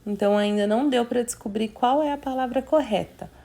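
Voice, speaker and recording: A woman teacher, talking young children through a reading worksheet slowly and patiently, sounding out syllables. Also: fairly high pitch, mellow. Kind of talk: remote literacy lesson for young children.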